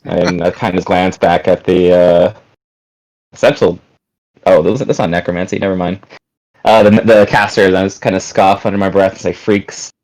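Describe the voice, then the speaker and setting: Male tabletop player, very low voice, casual, halting, online chat mic. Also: steady tone, darkish tone, rough recording. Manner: casual, hesitant with many fillers. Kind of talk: describing a character's actions in a tabletop game.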